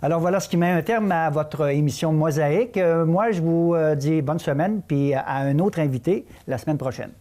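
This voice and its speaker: A man's voice: fairly high pitch, normal speed, few pauses, dark tone. A man with a Quebec French accent hosting an interview, giving short affirmations and laughing easily. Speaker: host. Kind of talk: radio-style interview. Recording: noisy recording with clicks.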